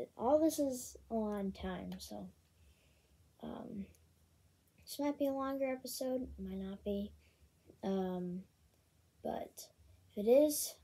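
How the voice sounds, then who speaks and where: Woman, casual game commentary, very breathy, slow and unhurried, mellow, chatty with lots of ums. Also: medium pitch. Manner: chatty, many ums, excited bursts over card pulls. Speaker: gaming channel host.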